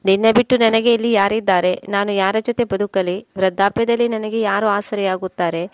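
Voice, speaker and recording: A woman's voice: medium pitch, steady tone, moderate pace, no room sound, lightly acted. A woman voicing a lonely, aging widowed mother who pleads with her son in tearful appeals. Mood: pleading.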